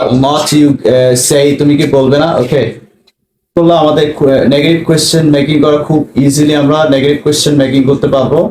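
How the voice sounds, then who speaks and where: A man from Bangladesh teaching a spoken English lesson, slowly drilling phrases. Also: on the high side, a little mellow, a little hiss or hum. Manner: slow, repeats drill phrases. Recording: echoey room.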